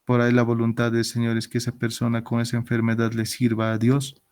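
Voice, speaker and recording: A man's voice: mid-range voice, monotone, fairly quick, a little mellow, smooth. Male Bible teacher. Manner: acts out quoted voices, asks rhetorical questions.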